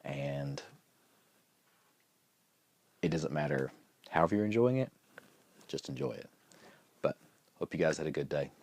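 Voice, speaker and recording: A man with an extremely low, gravelly, slightly mellow voice tells a story in a casual vlog, expressive and a little slow with long pauses. Good-humored and chatty, he rambles with frequent restarts and fillers.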